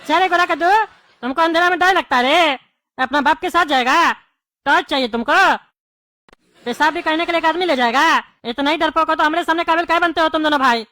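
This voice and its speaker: A woman's voice: high-pitched, a little fast, bright, forceful tone, dry recording, clean studio sound. A woman, playing a quarrelsome neighbour in a scripted comedy sketch. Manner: scolding, quarrelsome. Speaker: comic character, bald neighbour.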